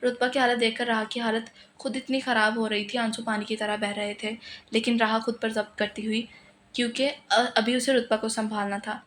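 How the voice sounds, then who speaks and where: A woman's voice: fairly high pitch, flat delivery, normal speed, a bit bright, a little hiss or hum. Woman reading a novel aloud, level tone. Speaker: novel reader. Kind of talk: dramatic novel reading with acted dialogue.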